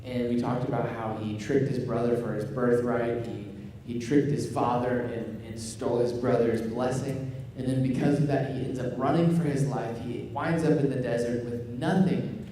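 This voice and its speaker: A man's voice: medium pitch, steady tone, normal speed, few pauses, dark tone, slight background noise. A young man, preaching a casual sermon from a church stage and telling self-deprecating jokes. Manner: joking, self-deprecating storytelling. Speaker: pastor. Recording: echoey hall, voice from far off.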